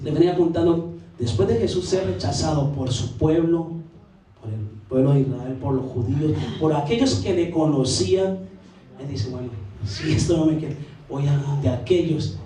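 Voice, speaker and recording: A man preaching a sermon as pastor, earnest and steady, pausing and restarting phrases as he goes. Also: fairly high pitch, distant mic. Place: large church sanctuary. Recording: very echoey church recording from afar.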